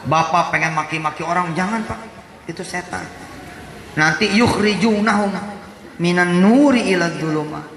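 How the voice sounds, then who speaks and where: A man's voice: a little high, pushed and bright. A man in his forties giving a joking, casual sermon and acting out little quoted voices. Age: 40s. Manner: jokey, acts out short quoted voices. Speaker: preacher. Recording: roomy hall reverb, faint background noise.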